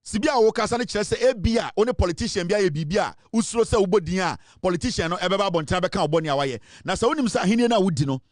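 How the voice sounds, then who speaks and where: A Ghanaian man speaks as a political commentator in a forceful, insistent monologue, pressing each point hard. His voice sits high for a man. The sound is close and dry, with no room around it. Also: animated, racing, few pauses, dry recording. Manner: forceful, insistent, mixes English and Twi. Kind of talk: impassioned monologue.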